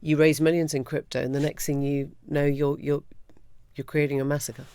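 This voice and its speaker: Slightly high-voiced male interviewer. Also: little pitch movement, moderate pace, a little mellow, clean tone, no room sound. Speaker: podcast host, interviewer. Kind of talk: interview questions.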